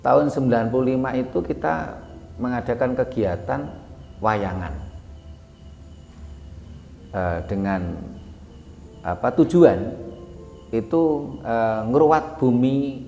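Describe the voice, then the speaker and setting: A man recounting his life in a relaxed, halting way, full of fillers and self-corrections. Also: medium pitch, gravelly. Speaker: guest telling his life story. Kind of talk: casual spoken memoir. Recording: echoey room with long reverb, faint music.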